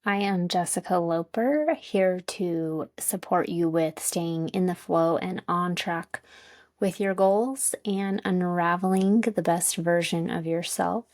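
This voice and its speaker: A woman giving a casual guided self-help talk as a coach, informal and tentative as she searches for words, with a creaky voice. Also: lowish voice, slow pace, darkish tone, no echo, studio quality. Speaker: wellness coach and host.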